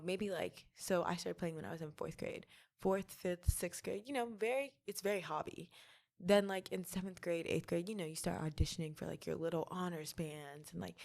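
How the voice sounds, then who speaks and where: A chatty young woman in her twenties, talking as a podcast guest about her hobbies with a relaxed, self-mocking humor. Her voice sits a little low and has a gravelly fry running through it. She fills her sentences with "like" as she goes. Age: 20s. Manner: chatty, heavy use of "like", playful self-mocking. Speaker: podcast guest, college student. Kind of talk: casual interview chat.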